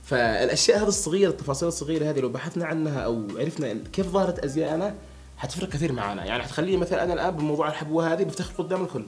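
A man's voice: fairly high pitch, animated, racing. A young man from Hadhramaut, chatting casually with a friend and asking him questions. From Hadhramaut, Yemen. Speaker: conversation partner asking questions. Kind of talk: casual chat between friends.

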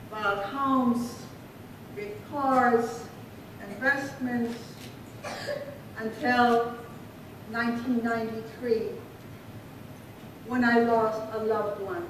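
Woman guest speaker, middle-aged, from Afghanistan; unhurried, steady podium speech in a roomy hall, mic at a distance. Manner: slow, measured delivery read from notes. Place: large indoor reception hall. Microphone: podium microphone heard from a distance. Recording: echoey hall from far off with faint rumble.

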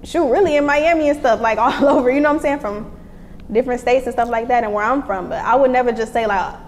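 A woman's voice: on the high side, fast. A woman from Lake County, Illinois, talking candidly as an interview guest in casual chat. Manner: candid, chatty, repeats "you know what I'm saying". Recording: echoey room with faint noise.

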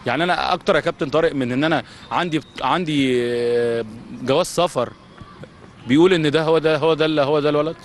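A middle-aged man with an Egyptian accent talks at a rapid clip, pressing his point with heated rhetorical questions. He speaks into a handheld mic at an outdoor football pitch at night. A faint hum of the surroundings sits behind him. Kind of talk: studio-style interview answers.

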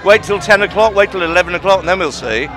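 Male, sixties, slightly high pitch, casual interviewee, music in the background. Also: fast talker, a bit bright, a faint crowd. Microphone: handheld shotgun microphone held by interviewer.

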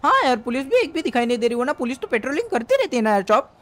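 A woman's voice: sits high, very animated, very fast. A woman voicing a cheeky, carefree five-year-old boy in a game role-play. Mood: teasing.

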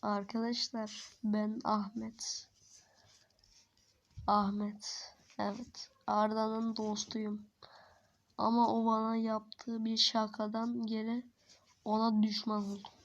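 A performer voicing a sneaky prankster who gloats in a hushed tone, as whispered role-play. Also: female voice, a little high, monotone, slow, long pauses, lo-fi sound. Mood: scheming. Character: sneaky scheming prankster troll, adult.

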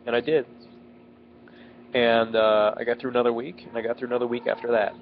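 A man's voice: mid-range voice, flat delivery, fairly quick. A congested man sick with a head cold, chatting casually to camera in a self-deprecating, complaining way as he vlogs outside at home. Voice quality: congested, stuffy-nosed. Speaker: vlogger. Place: outdoors at home in a residential neighborhood. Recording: dull lo-fi, clear outdoor background noise. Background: outdoor neighborhood ambience.

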